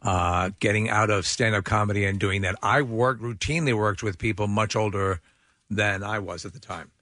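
Wisecracking man with a bright voice. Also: lowish voice, fairly even intonation, normal speed, no room sound. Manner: wisecracking, does jokey quote voices. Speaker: radio show co-host. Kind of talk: casual chat.

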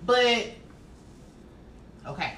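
A woman's voice: on the high side, extremely slow. A woman telling a story in casual chat as a podcast co-host. She retells it with exasperation and acts out what people said. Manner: animated, exasperated retelling with quoted voices. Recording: echoey room with faint noise.

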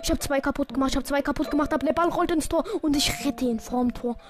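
A woman giving excitable, self-mocking play-by-play commentary while she plays a video game. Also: sits high, quick pace. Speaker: gaming video creator. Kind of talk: live gameplay commentary.

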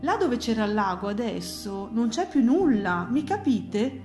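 A woman's voice: a little high, very animated, unhurried, darkish tone, reverberant, faint music behind. A woman voicing an unhappy will-o'-the-wisp spirit who stumbles over words in a storybook reading. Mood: worried.

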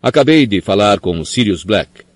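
A man reading an audiobook, voicing a calm, wise old headmaster who speaks in a measured way. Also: lowish voice, no echo, natural voice. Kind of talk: audiobook character voice.

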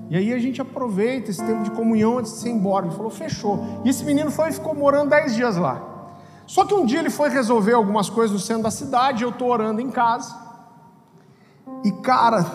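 A Brazilian man, a pastor, telling a story in a sermon with lively humor and acted-out voices. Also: extremely high pitch. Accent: Brazilian Portuguese. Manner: animated, acts out voices, jokes. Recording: hall reverb with music behind.

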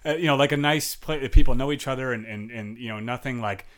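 A man's voice: mid-range voice, quick pace. A young man hosting a casual chat, jokey and teasing, talking in a chatty way.

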